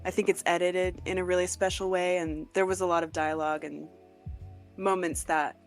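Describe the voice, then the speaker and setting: A woman's voice: fairly low pitch, level tone, moderate pace, faint music behind. A woman guest on a podcast, chatting casually in a dry, sarcastic way. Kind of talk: casual chat.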